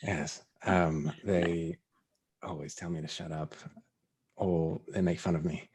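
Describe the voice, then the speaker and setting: A man being interviewed about his voice acting, talking in a relaxed, thoughtful way and laughing easily. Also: sits low, slow pace, slightly rough. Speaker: voice actor guest. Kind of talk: casual interview chat.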